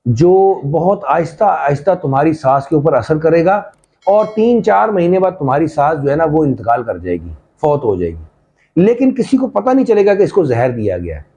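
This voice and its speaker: A man's voice: fairly high pitch, sing-song, normal speed, mellow. A man doing a scheming, patient mother. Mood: scheming, instructive. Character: scheming middle-aged mother giving calm advice.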